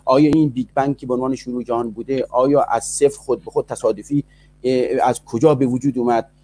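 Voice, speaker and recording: A man's voice: medium pitch, steady tone, dark tone. A man in an online debate, speaking politely and formally and posing many rhetorical questions. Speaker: debater defending belief in God.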